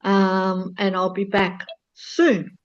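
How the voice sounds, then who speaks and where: A woman's voice: medium pitch, monotone, extremely slow. A woman chatting casually on a live stream, recorded in dull lo-fi call audio.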